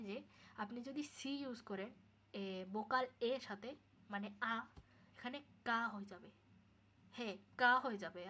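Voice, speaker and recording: A woman with a slightly high voice gives a casual Spanish pronunciation lesson, recorded alone at home. She repeats each sound slowly and asks "okay?" now and then. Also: a bit bright. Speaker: Spanish tutor.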